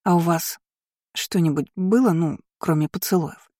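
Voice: medium pitch, moderate pace, mellow, no room sound, studio quality, lightly acted. A narrator voicing a curious, eager young noblewoman who gossips playfully with her friend. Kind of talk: audiobook character voice.

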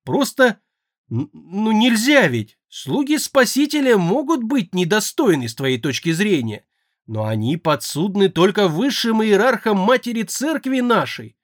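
A man's voice: big pitch swings, unhurried, no room sound, studio quality. A man voicing a young male air mage who is frightened, tearful and pleading, in an audiobook. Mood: fearful pleading. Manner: pleading, shrill and anxious.

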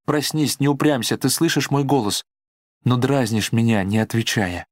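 A man's voice: level tone, moderate pace, dry recording, studio quality, close to an everyday voice. A man voicing a haughty young woman who is overwhelmed by grief, pleading and crying out in a raised voice. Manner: pleading, shrill cries. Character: proud young woman, grief-stricken and frantic.

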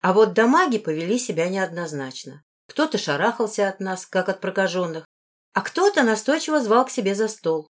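A woman narrating a fantasy novel in first person, with measured and expressive storytelling. Her voice sits at a middle pitch for a woman. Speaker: audiobook narrator.

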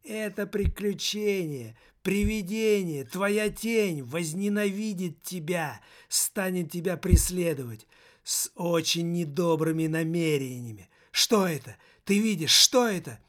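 Brief: male reader doing a frantic, shifty man, raised and slightly higher voice, pleading and warning. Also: unhurried, a bit bright. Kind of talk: audiobook character reading.

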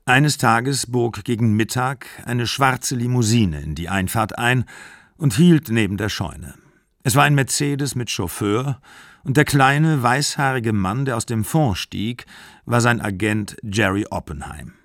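A male reader narrates literary prose in a measured, even storytelling manner. His voice has a gravelly grain at a mid pitch. The sound is dry and close, with no room around it. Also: no echo. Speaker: audiobook reader.

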